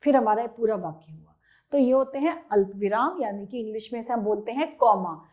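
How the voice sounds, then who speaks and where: A woman teacher giving a Hindi grammar lesson to young children, explaining slowly, repeating herself and checking in with the class. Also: a little high. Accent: Indian Hindi. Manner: stresses example sentences loudly.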